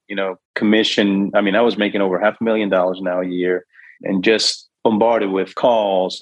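A man's voice: fairly low pitch, no room sound, lo-fi sound. A middle-aged man from New York, a real estate investor and guest, telling his life story earnestly and acting out the voices in his head. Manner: earnest, acts out his own inner voice. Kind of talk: emotional storytelling.

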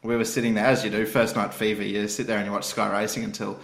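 An Australian man on a racing podcast panel chats casually and tells anecdotes in a blokey, slangy style. His voice is lowish, creaky and fairly bright, delivered flat at a quick pace. The room sounds roomy and echoing.

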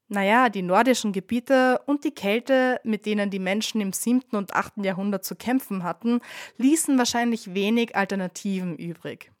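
A woman who is a bartender hosts her own podcast, narrating history in a playful, wry, scripted style full of ironic asides. Her mid-range voice is affected by a cold, and the clean studio recording has no room sound.

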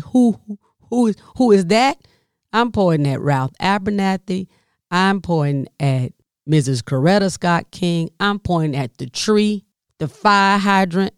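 A woman tells a personal story slowly and expressively, pausing for effect and talking straight to her listeners. Her voice is smooth and resonant. The sound is dry and close, with no room around it. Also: medium pitch, no room sound. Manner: expressive, with dramatic pauses and direct asides to listeners.

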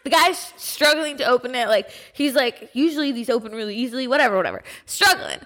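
A young woman co-hosting a podcast, telling a story in casual chat, animated and laughing as she talks. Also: on the high side, fast talker. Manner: animated, laughs through her stories. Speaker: podcast co-host.

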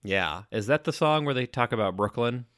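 A man co-hosting a podcast in casual chat, slightly congested from allergies, relaxed and chatty. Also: mid-range voice, moderate pace, no echo, studio quality. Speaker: podcast co-host.

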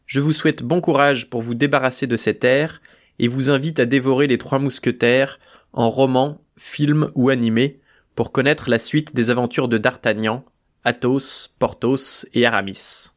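A man of middle pitch delivers a scripted literary podcast in a measured way. His tone is wry, and he shifts easily into reading a novel aloud. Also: steady tone. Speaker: podcast host.

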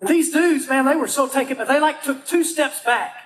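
A man's voice: very high-pitched, brisk, noisy background. A man preaching a storytelling sermon, acting out the quotes in a raised voice. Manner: animated, acts out quotes in raised voice. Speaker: pastor.

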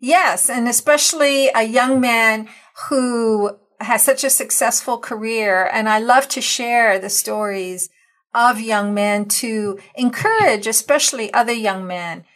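Earnest and encouraging, the host of an interview podcast opens with scripted introductions and promos before the conversation begins. Her voice is a little high, a bit bright, and a little slow.

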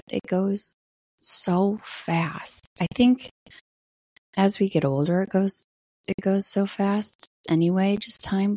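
A middle-aged woman with a low morning voice, talking casually and reflectively in a personal solo check-in as a podcast host. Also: creaky, mellow, dry recording. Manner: reflective, conversational.

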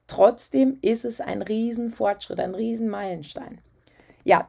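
Woman, parenting coach, husky slightly breathy voice, casual advice talk. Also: a little high, mellow. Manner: conversational, frequent "ja" and "ähm" fillers.

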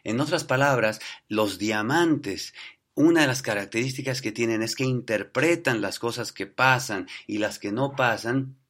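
A man's voice: mid-range voice, measured pace, a bit bright. A man giving a motivational business talk, telling stories and tossing rhetorical questions at his listeners. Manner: storytelling, addresses listeners as "muchachos", tag questions.

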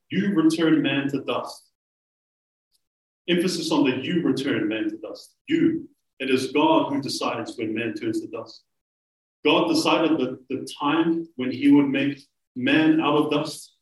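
A man preaching a sermon, earnest and emphatic, slowing down to stress key phrases. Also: fairly high pitch. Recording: roomy, from a distance.

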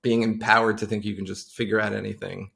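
This middle-aged Long Island man has a creaky, slightly bright voice that sits on the low side, with a level tone and a quick pace. He's a tech entrepreneur guesting on a podcast, swapping informal stories in a relaxed interview.

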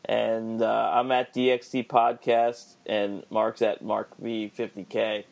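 A man's voice: on the low side, little pitch movement, takes it slowly, creaky. A man co-hosting a podcast late at night, tired and laughing often in casual chat. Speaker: podcast co-host.

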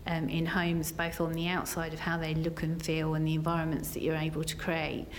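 Low-pitched, monotone and brisk, this woman's voice comes with a little hiss or hum. She is a senior business executive from Essex, England, giving earnest, conversational interview answers full of "you know" and "kind of".

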